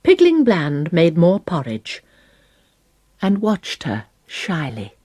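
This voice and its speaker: A woman reading a children's storybook aloud with a slow, expressive, husky delivery. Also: dry recording, clean studio sound. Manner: slow, expressive, varied pitch. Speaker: storybook reader.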